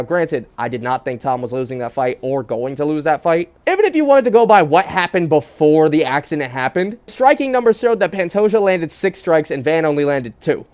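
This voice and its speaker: A man's voice: fairly high pitch, a little mellow. A man speaking into wired phone headphones as a mic, giving casual, opinionated fight commentary in a slangy, blunt way with some swearing. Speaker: sports commentary vlogger. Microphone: wired phone headphones used as microphone.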